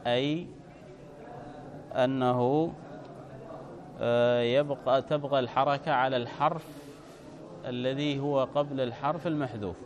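A man's voice: mid-range voice, fairly even intonation, measured pace, long pauses, muffled recording. A man teaching an Arabic grammar lesson, explaining patiently and often asking his students rhetorical questions. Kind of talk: classroom lesson explaining a text.

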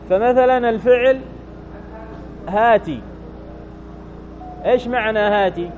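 A man's voice: sits high, darkish tone, slight background noise, low-quality recording. A man teaching an Arabic grammar lesson, repeating key phrases and checking in with his listeners.

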